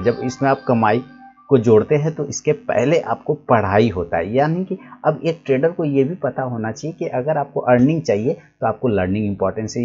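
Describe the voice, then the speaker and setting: A man's voice: medium pitch, a little mellow. Man, trading teacher, casual lesson, repeats points patiently, muffled lo-fi audio. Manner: explains patiently, repeating points and acting out examples. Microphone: recorded while writing on a board.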